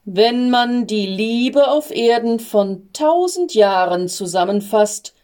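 A woman voicing a patient male archangel in a storybook reading, with a calm, measured, reassuring manner. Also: a little high.

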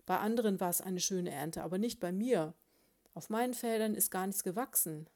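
A woman voicing a stingy, grumpy male hamster farmer who snaps, blusters and shouts in complaint. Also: medium pitch, moderate pace, natural voice. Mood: grumbling tirade. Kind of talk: audiobook character voice.

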